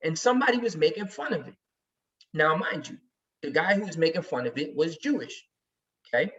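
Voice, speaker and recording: A man's voice: a little high, lively intonation, fairly quick. A man talking emphatically and heatedly in casual chat as a regular on a sports podcast. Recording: distant, muffled recording.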